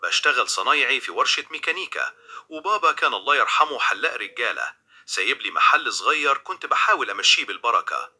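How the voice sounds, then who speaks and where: Bright, husky Egyptian storyteller. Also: male voice, medium pitch, very animated, fast. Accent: Egyptian Arabic. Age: young adult. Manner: dramatic, tense. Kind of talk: scripted first-person crime narration.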